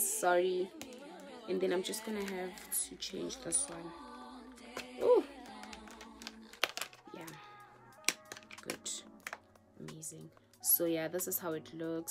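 A young woman with a South African accent, chatting casually through a shopping haul in her bedroom, with drawn-out reactions and Zulu words mixed in. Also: on the low side, creaky. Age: young adult. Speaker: vlogger. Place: bedroom, indoors. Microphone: camera in front of her. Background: music.

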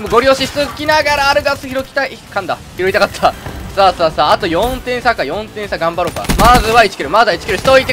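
Lively fast-talking man over loud game music. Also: sits high. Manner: chatty, stammers and restarts, excited outbursts. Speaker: gaming commentator. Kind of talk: casual gameplay commentary and chat.

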